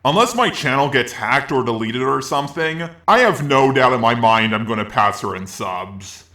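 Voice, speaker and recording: A man's voice: medium pitch, animated, moderate pace, pushed and bright, reverberant. A man doing a reaction commentary, answering critics with sarcastic, argumentative retorts. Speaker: commentary YouTuber.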